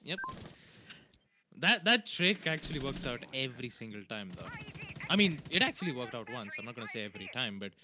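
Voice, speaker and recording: A man's voice: medium pitch, very animated, fairly quick. Male esports color caster, noisy background. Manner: casual, rambling analysis with fillers. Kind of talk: color commentary.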